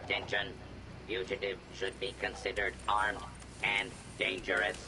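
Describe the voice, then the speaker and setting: A man voicing a stern male security robot in a video game, giving flat, clipped warnings through a robotic announcement voice. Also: lowish voice, unhurried, creaky. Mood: commanding. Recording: distant game audio under loud noise.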